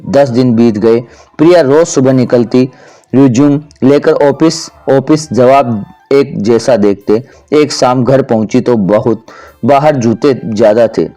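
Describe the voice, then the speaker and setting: A man narrating a scripted family drama story in a plain, even read. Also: medium pitch.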